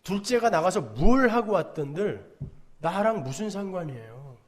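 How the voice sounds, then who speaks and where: Brief: male pastor, high and animated sermon delivery, dramatic, fond of rhetorical questions. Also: moderate pace.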